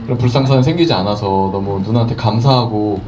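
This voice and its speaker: A man's voice: lowish voice, fast talker, distant mic, background noise. A man actor telling a story at a film Q&A, acting out the lines he quotes. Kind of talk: animated storytelling at a Q&A.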